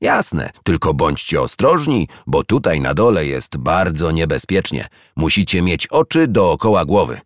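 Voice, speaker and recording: Man voicing a slow musing mole miner. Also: deep voice, very animated, dry recording, clean studio sound, full character voice. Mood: cautioning. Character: experienced, friendly male mole miner.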